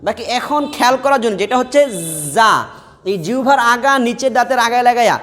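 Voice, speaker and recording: Man, very high voice, teacher who quizzes the class and drills letters, long hall reverb. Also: fairly even intonation, brisk, a bit bright. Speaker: Quran teacher and mosque preacher. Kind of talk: classroom lesson. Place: classroom with students present.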